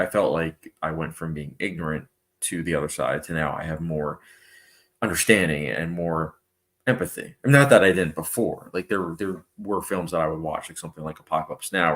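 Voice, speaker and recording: A young man running a movie channel hosts a casual live stream, reading viewer comments aloud and chatting loosely with lots of fillers. His voice is extremely low in pitch yet fairly bright in tone.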